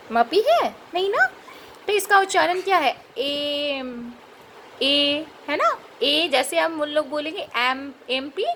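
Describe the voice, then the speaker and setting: High, lively woman teaching grammar. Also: slight background noise. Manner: patient, checks in with rhetorical questions; spells out and repeats sounds slowly. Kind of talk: explanatory grammar lesson.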